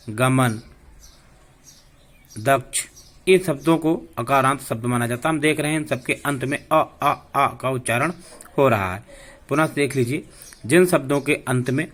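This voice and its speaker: A man teaching a slow, deliberate grammar lesson for young schoolchildren, spelling out sounds. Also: medium pitch, a bit bright. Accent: Hindi.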